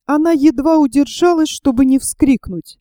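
A female narrator reads a novel aloud in a steady, measured audiobook style. Her slightly high voice is dark and mellow, recorded close and dry with no echo.

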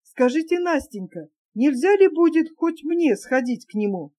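A woman's voice: high voice, big pitch swings, normal speed, dark tone, pitched above the performer's own voice. Woman reading as an eager pleading young dreamer. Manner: pleading and persuasive.

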